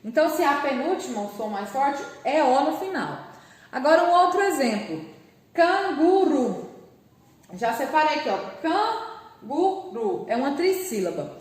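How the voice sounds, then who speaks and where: A woman with a Brazilian Portuguese accent, teaching a remote class for young children, patient and slow, sounding out words syllable by syllable. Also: sits high, echoey room. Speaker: primary school teacher.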